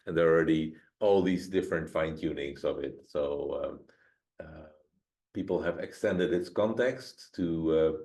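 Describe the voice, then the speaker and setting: Man, co-host, low voice, relaxed, asks questions, casual technical chat. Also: moderate pace. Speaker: co-host guiding the discussion.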